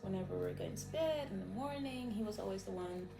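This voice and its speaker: A young woman from Nigeria in her twenties, chatting to camera in a giggly, earnest way. Her voice sits at a middle pitch and bounces around a roomy, echoey space. Music plays clearly behind her. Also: lively intonation, fast. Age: 20s. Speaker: vlog co-host. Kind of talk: casual chat to camera. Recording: echoey room with background music.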